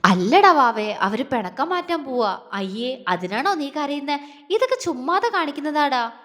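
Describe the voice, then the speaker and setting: A woman voicing a gentle, soothing young man. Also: high-pitched, big pitch swings, normal speed, long reverb tail. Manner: gentle, affectionate. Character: tender, soothing young man comforting his beloved.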